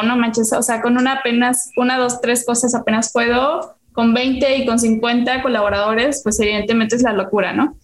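A woman with a Mexican accent, a podcast guest chatting casually about her consulting work and acting out little example conversations with fillers. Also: a little high. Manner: chatty, explains with acted-out examples and frequent fillers. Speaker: guest, soft-skills and marketing consultant. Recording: roomy echo.

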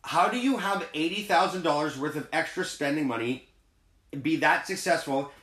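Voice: mid-range voice, normal speed, a bit bright. A co-host in a casual chat, blunt, crude and sarcastic. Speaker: podcast co-host. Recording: echoey room.

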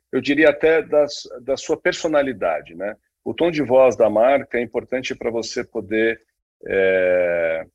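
A man's voice: mid-range voice, slightly rough, dull audio. A man co-hosting a casual talk, speaking with many fillers and restarts. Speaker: podcast co-host. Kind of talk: casual conversation on branding.

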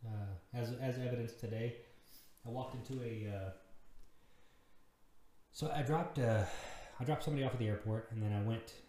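A man's voice: medium pitch, normal speed, mellow. A man in his thirties hosting a casual solo podcast, rambling and self-deprecating, swearing freely. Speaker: podcast host. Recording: very echoey room.

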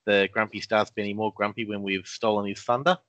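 A man's voice: fairly low pitch, flat delivery, fast talker, fairly bright tone, no echo. A man co-hosting a casual fantasy football chat, laid-back and jokey with lots of ums. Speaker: podcast co-host. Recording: dull lo-fi sound.

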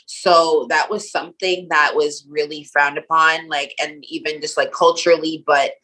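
A woman's voice: sits low, fairly even intonation, moderate pace, pushed and bright, rough recording. A woman from Nova Scotia, a guest in an interview, talking casually with lots of "like" and "um" fillers. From Canada (Nova Scotia). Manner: casual, many "like" and "um" fillers, laughs often.

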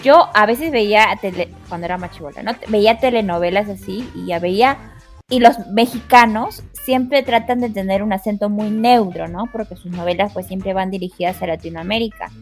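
A woman's voice: medium pitch, normal speed. Young peruvian woman from lima, chatty, faint music under her. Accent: Peruvian Spanish, Lima. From Peru. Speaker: podcast co-host. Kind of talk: casual panel chat.

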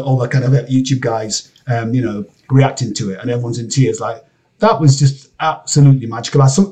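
A Scottish man, a game composer, chatting in an interview, excitable and rambling with many restarts. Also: medium pitch. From Scotland. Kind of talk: casual interview chat. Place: home studio area, lives in LA.

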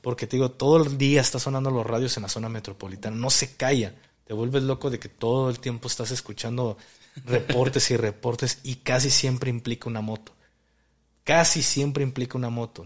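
A man, hosting a casual interview chat in a relaxed, slangy, joking way. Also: mid-range voice. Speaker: podcast host.

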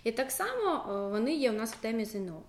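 A woman's voice: on the high side, big pitch swings, fast talker, reverberant, slight background noise. A young adult woman teacher, explaining a school subject in a casual, chatty way with many fillers and asides.

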